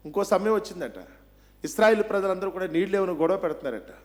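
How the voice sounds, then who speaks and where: A man's voice: high-pitched, fast talker. A man preaching a Bible seminar sermon, pressing his listeners with one rhetorical question after another.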